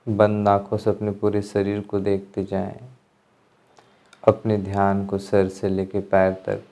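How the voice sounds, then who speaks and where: Music sits behind this meditation instructor, a man whose voice runs low. He guides listeners calmly, pausing between carefully measured phrases.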